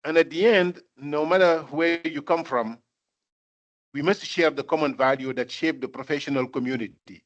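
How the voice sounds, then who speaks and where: An older man from Senegal giving a speech at a corporate event, talking in a measured way, with many fillers and repeated phrases for emphasis. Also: fairly high pitch, fairly even intonation. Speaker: guest speaker. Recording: dull lo-fi sound.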